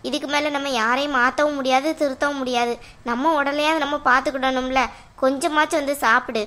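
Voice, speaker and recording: Woman doing a high-voiced cartoon sister, caring but insistent, keeps coaxing. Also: steady tone, a little fast, sharp tone. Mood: scolding. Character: caring young woman Malar, the pleading sister. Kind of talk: cartoon voice acting.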